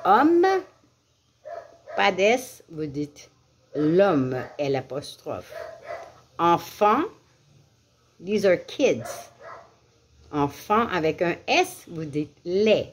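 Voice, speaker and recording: A woman teaching French vocabulary as a lesson, repeating each word deliberately and giving English glosses. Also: fairly low pitch, sing-song, slight background noise. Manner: slow, deliberate repetition of words for learners. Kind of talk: classroom lesson.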